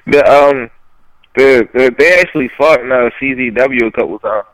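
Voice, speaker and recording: A man's voice: mid-range voice, moderate pace, no echo, low-quality recording. Man, podcast co-host, rambling, thinks aloud, dry close sound. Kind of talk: casual chat.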